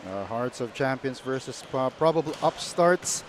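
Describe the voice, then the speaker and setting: A man's voice: mid-range voice, animated, normal speed, noisy background. A man with a Filipino accent hosting live sports commentary as a play-by-play broadcaster.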